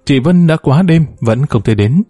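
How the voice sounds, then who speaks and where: A man calmly reading a first-person story aloud, voicing every character in his own even tone. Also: a little high, moderate pace, no room sound, clean studio sound. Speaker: audiobook narrator.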